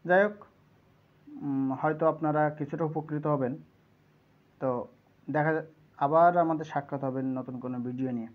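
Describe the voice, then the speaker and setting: A man teaching English pronunciation, reading each English tip slowly and then explaining it. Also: on the high side, fairly even intonation. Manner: explains step by step, reads English tips slowly then glosses them. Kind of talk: English pronunciation lesson in Bengali. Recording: dull lo-fi sound.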